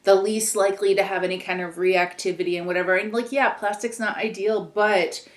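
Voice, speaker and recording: A podcast co-host chats casually in a steady, mid-range voice at a fairly quick pace, rambling with lots of filler words. The sound is reverberant.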